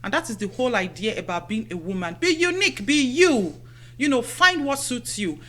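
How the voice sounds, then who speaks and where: A middle-aged woman talks warmly and conversationally into a studio microphone, offering everyday advice in a chatty, motherly way. She drifts through her points with frequent "you know" asides, sounding like a friendly radio host chatting with her listeners. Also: on the high side, sing-song, normal speed. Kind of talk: casual advice talk to women listeners.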